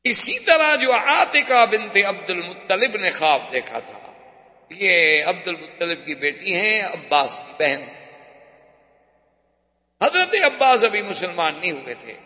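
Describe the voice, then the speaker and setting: A man's voice: sits high, very animated, bright, forceful tone. A man preaching a sermon, telling a story dramatically and acting out cries and dialogue. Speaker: Islamic preacher. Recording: long reverb in a hall.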